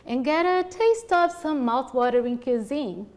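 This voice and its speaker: Woman host, highish voice, very up and down, lively. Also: a little slow. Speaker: show host.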